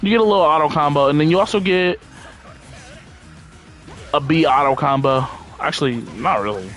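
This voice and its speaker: A man's voice: on the high side, moderate pace. Laid-back, slangy man over music. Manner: rambling, thinking out loud while playing. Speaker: game streamer. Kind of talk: casual gameplay commentary.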